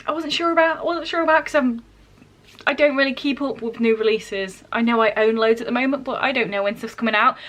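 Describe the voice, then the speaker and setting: This is a female book vlogger in an easygoing talk to viewers, fixing her words as she goes and straying into side comments. Her pitch is fairly high and her tone fairly bright.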